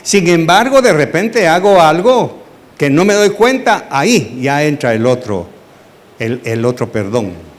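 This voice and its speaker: A man's voice: on the high side, a little slow. A man, a pastor teaching a Bible study sermon, asking the congregation questions and acting out dialogue. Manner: animated, asks the congregation questions, acts out dialogue.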